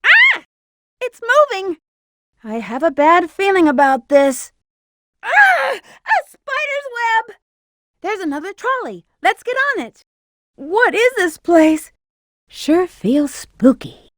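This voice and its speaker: Rouge the Bat, very high-voiced sassy game heroine. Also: female voice, huge pitch swings, takes it slowly, fairly bright tone, dry recording, clean studio sound, full character voice. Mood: startled. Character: flirty, cool-headed female bat treasure hunter, adult. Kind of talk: video game voice acting, short in-game hints and callouts.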